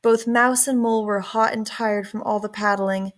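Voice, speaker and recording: Reading from a children's storybook, a woman with a mid-range voice narrates in an expressive, deliberate way.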